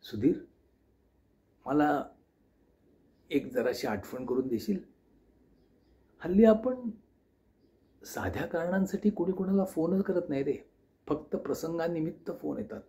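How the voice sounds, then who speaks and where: A man voicing a gentle, forgetful elderly aunt in an audio story, drawing out her words and teasing softly. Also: a little high, expressive, measured pace, long pauses. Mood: soft, wistful. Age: older.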